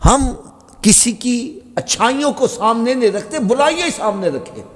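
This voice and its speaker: A man preaching a sermon, swinging between fervent high cries and soft pleading. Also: animated. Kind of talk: Urdu sermon. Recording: long hall reverb.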